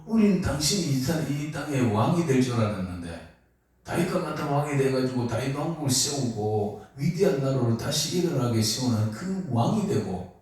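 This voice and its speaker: A man preaching a sermon as pastor, asking his congregation questions as he goes. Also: mid-range voice. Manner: lively, asks the congregation questions. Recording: echoey hall, mic far off.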